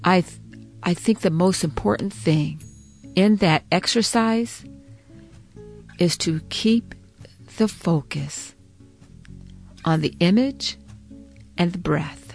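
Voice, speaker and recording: A woman leading a guided breathing meditation in a soothing, encouraging manner, with halting phrases and repetition. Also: on the low side, vocal fry, soft background music.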